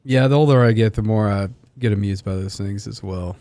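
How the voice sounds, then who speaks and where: A man's voice: fairly low pitch, brisk, warm tone, no echo. A man in his forties, co-hosting a podcast, talking in an easygoing, reflective way and laughing often. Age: 40s. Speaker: podcast host. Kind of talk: casual chat.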